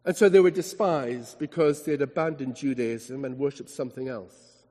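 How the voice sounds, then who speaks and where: A man preaching a sermon as dramatic storytelling, swinging between emphatic lines and hushed asides. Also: mid-range voice, normal speed, long reverb tail.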